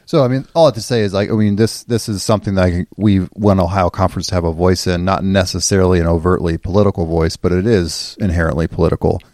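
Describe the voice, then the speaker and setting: A man with a very low voice hosts a relaxed podcast conversation, chatty and loose, often restarting his sentences. The recording is dry and close, with no room sound. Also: quick pace, hardly any pauses, no room sound. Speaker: podcast host. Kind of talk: casual podcast discussion.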